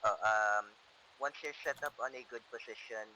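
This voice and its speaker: A man's voice: lowish voice, moderate pace, noisy background. A man leading a fire team in a military sim game, making terse callouts over the in-game radio. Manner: terse military radio brevity, slight hesitations.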